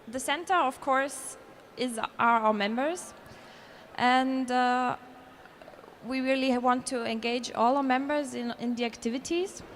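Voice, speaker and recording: In a conference hall, a high-voiced Austrian presenter delivers her talk earnestly, with frequent restarts and self-corrections. She speaks a touch slowly, and there's a faint hiss or hum.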